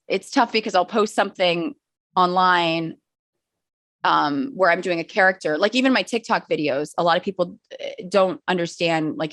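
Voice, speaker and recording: A woman talking as a podcast guest in casual conversation, animated and joking, often restarting her sentences. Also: lowish voice, dry recording, studio quality.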